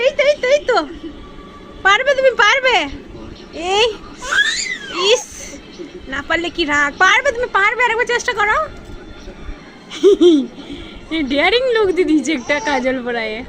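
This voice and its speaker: A woman's voice: very high voice, noisy background. A young adult woman, a mother, talking baby talk to her infant in a coaxing, sing-song way, over background music.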